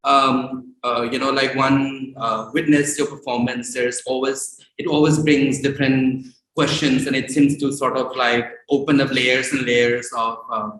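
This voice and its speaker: At a laptop in an echoey indoor event space, a man gives an informal spoken tribute as audience feedback, searching for words as he goes. His medium-pitched, fairly bright voice is flat and unhurried with hardly any pauses, and the recording is clearly noisy with clicks.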